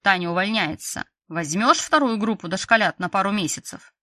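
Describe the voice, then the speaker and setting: A woman's voice: medium pitch, animated, fairly quick, bright, forceful tone, no room sound, studio quality. A woman reading an audiobook, voicing a stern, sarcastic female school director with a curt, grumbling manner.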